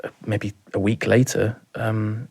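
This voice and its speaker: This Welsh guest on a talk podcast, in his thirties and from rural mid Wales, recounts a hard chapter of his own life with real emotion. His very deep, husky voice barely moves in pitch, and he speaks softly and haltingly, often saying a word twice before continuing.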